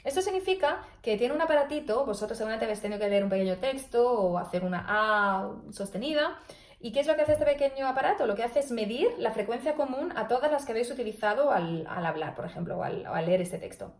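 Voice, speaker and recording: A young woman speaks as a speech therapist in a video blog. Her voice sits a little high, and her tone is earnest and cautionary as she explains. The recording carries a noticeably roomy echo. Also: lively intonation, fast talker.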